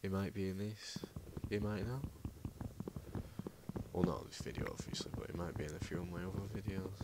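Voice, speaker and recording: A man's voice: sits low, fairly quick. A man rambling through gameplay commentary as host, often muttering under his breath, recorded on a laptop mic. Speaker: gaming channel host. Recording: loud background noise.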